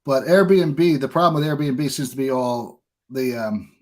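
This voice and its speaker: An American podcast host runs a casual conversational interview, tossing in his own opinions informally. His medium-pitched voice is darkish in tone and a little slow.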